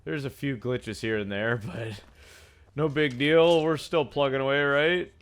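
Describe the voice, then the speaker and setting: A young gaming YouTuber with a raspy, sore-sounding voice comments casually on his gameplay at a measured pace. Low mumbles are often broken by excited yelps.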